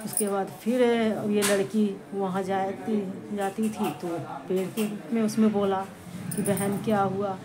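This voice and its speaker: A woman casually telling a devotional folk tale to listeners around her, in a chatty, halting way with restarts and asides. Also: medium pitch, level tone, a crowd in the background. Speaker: storyteller. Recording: home recording with clear background noise.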